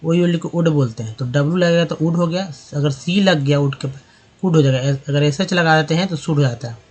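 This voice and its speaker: A man teaching English pronunciation in Hindi, spelling out words letter by letter and repeating vowel sounds slowly while checking in with viewers. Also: a little high, a little mellow, husky. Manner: addresses viewers as friends, checks understanding with tag questions. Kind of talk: explaining pronunciation with examples.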